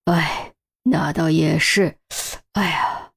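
A woman's voice: low-pitched, steady tone, takes it slowly, gravelly, darkish tone, husky, exaggerated voice. A woman voicing a middle-aged male officer who mumbles and grumbles in an audiobook story. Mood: grumbling.

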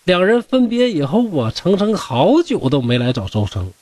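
A man's voice: high-pitched, big pitch swings, moderate pace, a little mellow, no room sound, distant mic. A man from Shenyang with a Northeastern Mandarin accent, telling classic tales as a host in a chatty way with joking asides to listeners. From Shenyang, Liaoning. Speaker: storyteller host. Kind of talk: colloquial classic-tale storytelling.

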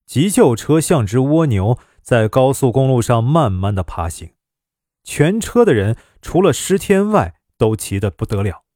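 A man narrating a story with an expressive, dramatic delivery. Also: mid-range voice, unhurried, no room sound, studio quality.

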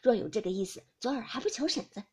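A woman doing an eager, flattering young man. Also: on the high side, fast, slightly rough. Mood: pleading. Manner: ingratiating, pleading.

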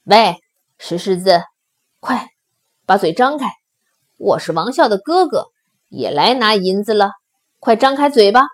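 A woman voicing a greedy, bossy grown man who shouts demands and threats. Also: mid-range voice, big pitch swings, a little slow, long pauses, pitched below the performer's own voice.

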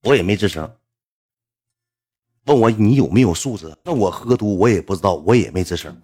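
A man with a Northeastern Mandarin accent tells a casual story in a low voice. He talks quickly, loops back on his own words and leans hard on fillers as he goes. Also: lively intonation, dark tone, husky. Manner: rambling, repetitive, full of fillers. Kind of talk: casual spoken anecdote.

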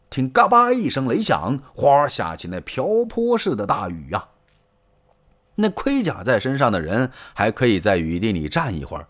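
A man performing a traditional pingshu story, animated and colloquial. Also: medium pitch.

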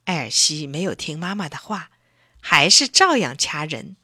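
A woman reading a children's story aloud in a gentle, expressive way. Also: sits low, moderate pace, husky, no echo, clean studio sound.

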